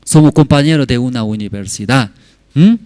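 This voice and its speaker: A man's voice: medium pitch, normal speed, dark tone, clean tone, no echo, close to an everyday voice. A man voicing a chatty head of state reminiscing jovially.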